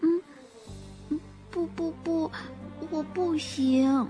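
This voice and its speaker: A woman's voice: very high-pitched, lively intonation, measured pace, faint music behind, pitched above the performer's own voice. A woman voicing a timid young fawn that stammers and is close to tears. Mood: tearful, timid. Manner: hesitant, stammering, on the verge of tears.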